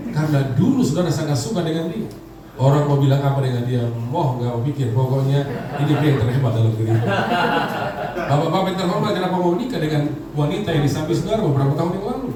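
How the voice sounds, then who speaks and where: A pastor in his fifties from Indonesia, preaching a sermon with humor and calling on the congregation to answer him. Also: on the high side. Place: large church hall. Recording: echoey hall, distant mic, background noise.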